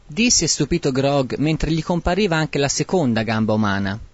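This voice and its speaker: A man narrating a bawdy comic tale in a mock-solemn, lively way, in a dry, dull lo-fi recording. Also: a little high, moderate pace, no echo.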